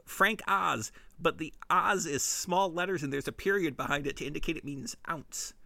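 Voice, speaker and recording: A Midwestern man rambling through a comedic monologue, cracking himself up at his own wordplay. His voice is bright and gravelly, and it sounds close and dry, with no room around it. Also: on the high side, moderate pace, no room sound. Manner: giggly, self-amused punning. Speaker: podcast host.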